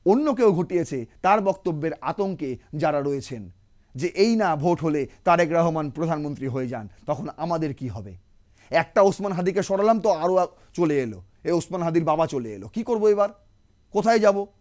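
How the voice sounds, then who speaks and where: A man delivers political commentary in a high-pitched voice. He talks emphatically, keeps asking rhetorical questions, and turns sarcastic. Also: a little mellow.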